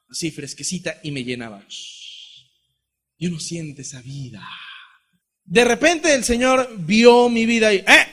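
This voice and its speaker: A preacher from Ecuador delivers a heartfelt testimony sermon. His voice sits high for a man, and he talks with impassioned energy. He acts out conversations with God and his brother. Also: a bit bright, husky.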